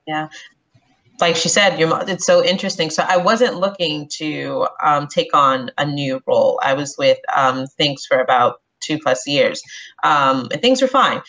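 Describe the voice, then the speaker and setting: Low-voiced woman. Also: fairly bright tone. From New York City (Bronx). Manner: measured, reflective, frequent um fillers. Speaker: HR business partner, panelist. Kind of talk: panel discussion.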